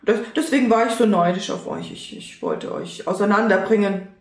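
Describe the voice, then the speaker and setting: A woman voicing a lonely, sheepish fox who talks softly and hesitantly, with stammers, in a storybook reading. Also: mid-range voice, moderate pace, close to an everyday voice. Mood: remorseful. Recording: roomy echo.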